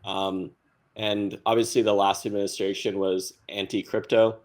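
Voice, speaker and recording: Male panelist, slightly low, conversational explainer tone. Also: flat delivery, moderate pace, a little mellow. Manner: explanatory, chatty with fillers. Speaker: panelist on crypto. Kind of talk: casual podcast discussion.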